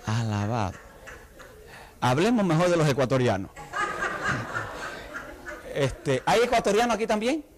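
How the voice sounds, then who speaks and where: High-voiced male pastor preaching animatedly. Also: measured pace, pauses often, noisy background. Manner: animated, humorous preaching with rhetorical questions to the congregation. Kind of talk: sermon. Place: church.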